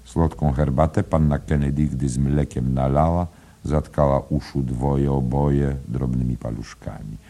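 A man's voice: a bass voice, fairly even intonation, a little slow, gravelly, dark tone. A man reading a literary audiobook aloud in a rhythmic, musical way. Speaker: audiobook narrator.

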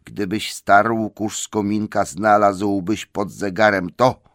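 A man voicing a brisk, commanding old male wizard in an audiobook, impatient and hurrying. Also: deep voice, vocal fry, slightly rough, no echo, clean studio sound, heavily acted. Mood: chiding. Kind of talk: audiobook character voice.

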